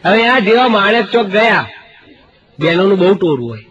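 A man's voice: high voice, sing-song, normal speed, fairly bright tone, slightly rough. A middle-aged man doing stand-up comedy, telling jokey anecdotes, acting out dialogue and reciting couplets. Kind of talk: Gujarati stand-up comedy storytelling. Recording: muffled radio recording.

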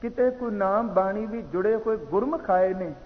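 A man giving a slow, measured sermon that explains recited verses, heard as tinny sound in a reverberant hall. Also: high-pitched. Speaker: preacher. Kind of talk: katha sermon.

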